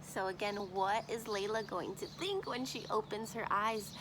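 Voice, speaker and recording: Reading a picture book aloud to children, the teacher uses her medium-pitched voice expressively, pausing to pose questions and think out loud, with background noise audible.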